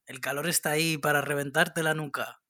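A man banters with his co-host in mock-formal phrasing. His voice sits fairly high for a man. The recording is dry and close. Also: steady tone, fairly quick, pushed and bright, dry recording. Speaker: podcast co-host. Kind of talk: casual chat.

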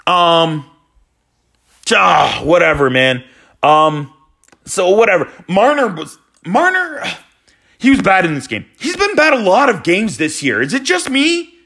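A man in his forties ranting exasperatedly as a hockey fan after a loss, sometimes shouting. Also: high-pitched, sing-song, a little slow, creaky. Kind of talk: post-game fan rant.

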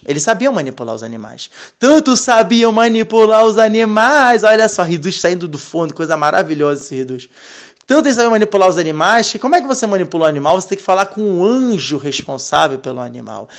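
High-pitched male teacher, lively and expressive, explaining scripture casually. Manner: animated, expressive teaching, sprinkled with Hebrew terms. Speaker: Torah teacher. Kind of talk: casual religious lesson.

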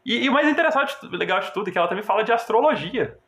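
A roomy, echoing recording of a Brazilian man with a slightly high voice. He has a Brazilian Portuguese accent and explains things conversationally as a podcast co-host. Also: lively intonation, very fast, a bit bright. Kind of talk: casual explanatory chat.

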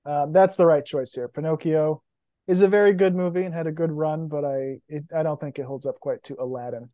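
A man's voice: on the high side, fairly even intonation, brisk, mellow, no room sound. A young man co-hosting a podcast, chatting casually and with feeling about movies. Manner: emotional, enthusiastic about films. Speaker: podcast co-host. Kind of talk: casual chat.

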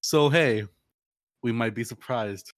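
A man's voice: medium pitch, slow pace, dry recording. A young man from Puerto Rico in casual podcast banter, blunt and foul-mouthed.

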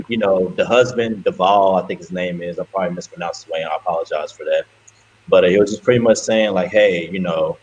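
A man's voice: deep voice, highs cut off, slight background noise. A man on a casual podcast introducing a topic hesitantly, full of "you know". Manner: hesitant, lots of fillers. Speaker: co-host.

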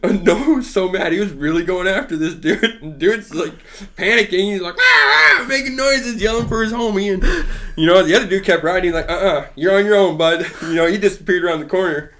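A man's voice: high voice, a little fast, a bit bright. Rambling, laughing young man telling stories. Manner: rambling, laughs often, swears casually. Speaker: storyteller in casual chat. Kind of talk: casual chat.

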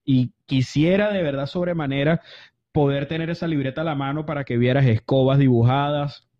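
This Venezuelan man talks fairly quickly in a mid-range voice with fairly even intonation, spinning stories as an interview guest. Expect a casual, chatty ramble thick with fillers and restarts, recorded in dull lo-fi audio.

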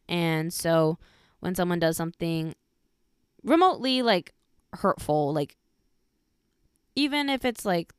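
A woman's voice: lowish voice, clear, resonant tone, no echo, clean studio sound. A woman in her twenties hosting a podcast, chatting casually and giggling as she talks about her life. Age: 20s. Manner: chatty, giggly, animated storytelling. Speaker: podcast host. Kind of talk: casual chat.

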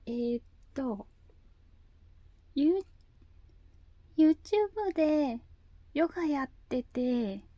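A woman talking casually and haltingly in a cutesy anime-girl voice, often repeating herself as she searches for words. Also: high voice, expressive, mellow, no room sound. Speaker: video host. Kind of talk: slow casual monologue.

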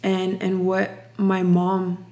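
Slow, reflective young woman from Ukraine. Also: medium pitch, completely flat delivery, dark tone. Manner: slow, reflective, many restarts. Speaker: guest sharing testimony. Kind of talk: personal testimony interview.

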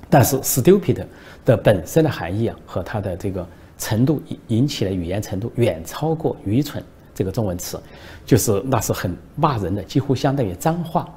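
A man's voice: fairly low pitch, animated, a little fast, warm tone, slightly rough. A man from China hosting a political commentary show, explaining at length and telling jokes as anecdotes. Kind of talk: commentary livestream.

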